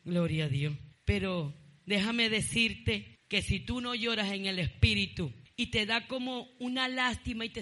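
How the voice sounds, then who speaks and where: A woman pastor preaching a fervent sermon to her congregation. She keeps breaking in with praise and sometimes rises to a shout. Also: a little high. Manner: fervent preaching, often repeating "gloria a Dios", with shouted bursts.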